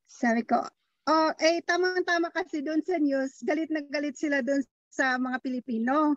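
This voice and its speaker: A woman's voice: high voice, normal speed, no room sound, muffled recording. A woman chatting casually in a small group, telling a story and mixing in English. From Philippines. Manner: chatty, mixes Tagalog and English.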